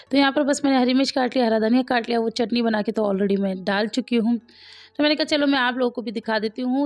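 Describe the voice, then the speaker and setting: A woman in her thirties, a mother chatting quickly and warmly with viewers while cooking in her home kitchen. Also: fairly high pitch. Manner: fast, talkative, laughing asides. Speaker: vlogger, mother. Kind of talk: casual chatty home vlog.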